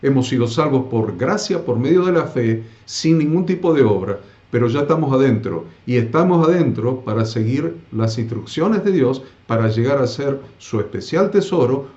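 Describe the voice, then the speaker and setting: A man's voice: medium pitch, animated, normal speed, few pauses, warm tone. Male Bible teacher, emphatic lecturing, roomy lo-fi sound. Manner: emphatic, repeats key phrases, asks rhetorical questions. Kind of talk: live Bible class lecture. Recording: roomy, dull lo-fi classroom sound.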